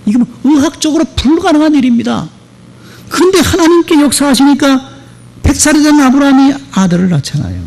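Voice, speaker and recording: A man's voice: very high-pitched, big pitch swings, fairly quick, a little mellow, rough recording. A male pastor giving a Sunday sermon in a church, telling stories and speaking straight to the congregation. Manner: storytelling with acted dialogue, addressing the congregation. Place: church sanctuary.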